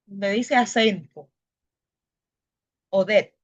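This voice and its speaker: A woman's voice: medium pitch, very slow, dull audio. A woman teacher leading an online class, patiently asking questions and explaining step by step.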